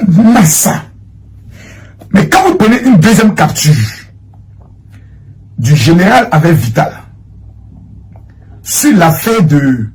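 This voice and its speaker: A man giving rambling, animated commentary to viewers, repeating himself as he searches for things. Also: a little high, slight background noise. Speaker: online commentator. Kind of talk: livestream commentary reading chat screenshots.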